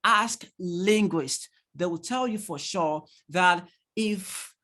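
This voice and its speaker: A man with a Nigerian accent trains parents online, speaking into a computer microphone in a high, slow voice. He stays animated, asks rhetorical question after rhetorical question, and laughs easily as he goes through the chat.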